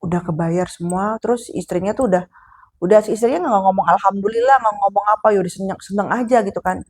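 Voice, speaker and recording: Husky-voiced Sundanese woman telling horror stories. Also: mid-range voice, fast talker, darkish tone. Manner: chatty, keeps addressing the listener as sister. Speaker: horror storyteller. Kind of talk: casual spoken horror storytelling.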